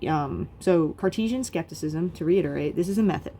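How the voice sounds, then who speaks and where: A woman's voice: on the low side, fairly quick, creaky, dark tone, a little hiss or hum. A woman teaching a recorded philosophy lecture in a casual, chatty way, with many fillers and restarts.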